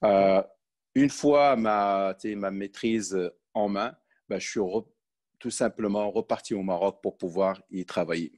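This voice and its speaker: A Moroccan-born man in his forties, a sales manager, talks about his life as a podcast guest in a conversational interview. He speaks hesitantly with many fillers, his voice fairly low, a bit slow, and darkish in tone.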